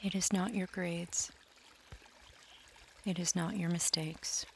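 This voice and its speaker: Soft gravelly man guiding a meditation. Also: high voice, little pitch movement, a little hiss or hum. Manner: slow, soft and soothing, drifting into near-whispers. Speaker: meditation guide. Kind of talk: scripted guided meditation.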